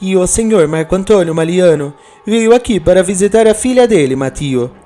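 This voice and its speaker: A man voicing a fiery, anxious Italian immigrant mother with an Italian accent, speaking high and insistent. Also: lively intonation, moderate pace, dark tone, soft background music, natural voice.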